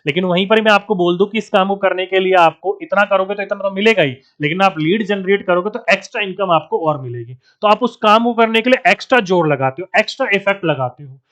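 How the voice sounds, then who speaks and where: A male coaching teacher speaks with a faint Bihari accent, and his voice sits high. He lectures to the camera in a steady explaining tone, often posing a question and then answering it himself. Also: fast, hardly any pauses. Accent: Bihari Hindi. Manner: addresses students as friends, asks and answers his own questions. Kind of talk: online exam-prep lecture.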